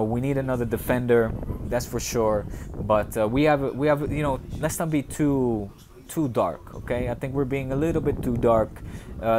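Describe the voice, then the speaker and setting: A man from the Netherlands hosting a casual football live stream, reading viewer comments aloud and rambling with bursts of excitement. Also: on the low side, noisy background.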